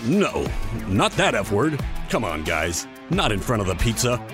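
A man's voice: on the low side, wildly swooping pitch, a little slow, music in the background. A man announcing a comedic radio ad in a playful, punchy showman style.

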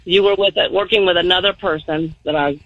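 A middle-aged woman calls in to a radio show and tells a personal story in an earnest, rambling way. Her voice sits on the low side with a steady tone and a slightly fast pace. It comes through a telephone, so the recording is dry and muffled.

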